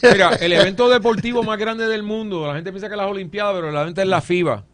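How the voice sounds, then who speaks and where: A man's voice: sits high, fast, fairly bright tone, no room sound. A middle-aged man, a panelist telling anecdotes with wry, joking asides. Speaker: political panelist. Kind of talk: political panel discussion.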